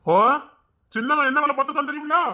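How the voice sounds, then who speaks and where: Guy doing an ashamed hotheaded young village man, high voice, agitated. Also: fairly even intonation, fast, highs cut off, slight background noise. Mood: scolding. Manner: agitated, self-reproaching outbursts. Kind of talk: village drama acting.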